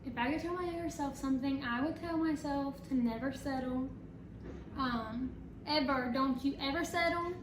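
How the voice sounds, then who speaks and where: A woman's voice: high voice, moderate pace. A woman chatting casually as a talk show guest, who has trouble saying her R's, which sound like W's. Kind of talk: casual chat. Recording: echoey room, clear background noise.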